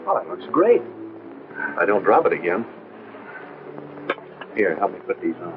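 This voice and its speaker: A man's voice: sits low, sing-song, measured pace, noisy background. A man playing a grumbling, reluctant father in an old film, in casual domestic dialogue. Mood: reluctant, busy. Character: grumbling, reluctant middle-aged father helping with a party. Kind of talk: old film drama acting. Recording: phone-like old film soundtrack, loud music.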